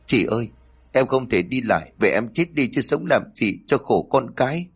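A man's voice: mid-range voice, expressive, moderate pace, breathy edge. A man reading aloud, voicing a frail, bedridden elderly mother in a family storybook tale who speaks weakly and pleadingly. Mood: weak, tearful. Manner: weak, pleading.

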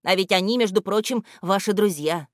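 A woman voicing a strict, scolding male guardian of grammar in a storybook reading, speaking loudly and higher than her own voice. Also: lively intonation, moderate pace, no echo, clean studio sound. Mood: stern lecturing. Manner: loud and scolding.

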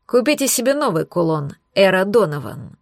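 A stern male werewolf boss, read by a woman narrator in an audiobook. He speaks in a dry, cold, clipped way, a little lower and quieter than the narration. The recording is close and dry. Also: sing-song, moderate pace, no room sound.

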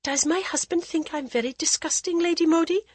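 A woman's voice: high voice, expressive, normal speed, fairly bright tone, no echo, voice pushed up. A woman voicing a timid, sheltered young princess bride who speaks hesitantly and fearfully.

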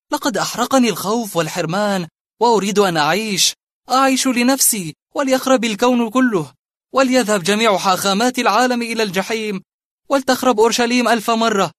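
A man's voice: high-pitched, no echo, clean studio sound, pitched above the performer's own voice. A man voicing a bitter, disillusioned middle-aged barber in a dramatized audiobook, speaking with scornful, defiant emphasis.

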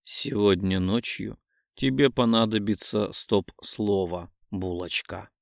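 A man doing a low, slow seductive lover. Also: vocal fry, no room sound, clean studio sound.

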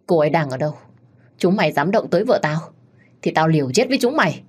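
A woman reading the lines of an anxious, protective young husband in a storybook tale, in a low husky voice. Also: sing-song, quick pace, full character voice. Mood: tense.

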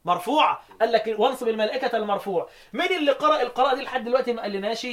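A man's voice: extremely high pitch, fairly bright tone. Egyptian man teaching Quran recitation. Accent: Egyptian Arabic. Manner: quizzes listeners with quick questions, then chants verses slowly. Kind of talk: lecture explaining recitation variants.

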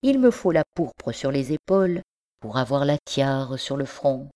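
A woman's voice: extremely low pitch, big pitch swings, a little slow, mellow, full character voice. A woman voicing an ambitious young nobleman scholar who speaks courteously but insistently. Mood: urgent. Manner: courteous, then urgent and driven.

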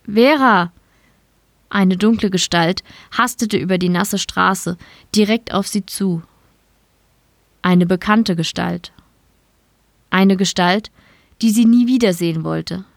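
A woman reading a short story aloud in calm, measured scripted narration. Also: mid-range voice, gravelly, no echo, studio quality. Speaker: story reader.

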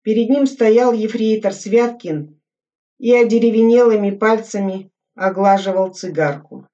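A woman reading a war story aloud as scripted narration, steady and measured. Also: medium pitch. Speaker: audiobook reader. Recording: dull audio from a distant mic.

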